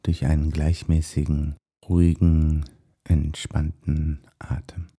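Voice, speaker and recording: A man leads a guided meditation in a deep, very dark and mellow voice. His delivery is soft, hushed and soothing, husky with breath, and leaves long pauses between short phrases. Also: little pitch movement. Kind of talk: guided meditation, body scan.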